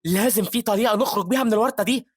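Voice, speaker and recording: A man with an Egyptian Arabic accent voicing a greedy long-haired male swindler who pleads loudly and frantically. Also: a little high, sing-song, rapid-fire, no echo, studio quality, voice pushed up, exaggerated voice. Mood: desperate.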